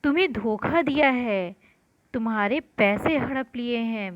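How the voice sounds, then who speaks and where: A woman voicing an angry middle-aged male employer who shouts, then softens to lecture. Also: a little high, a little slow, highs cut off, natural voice. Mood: furious.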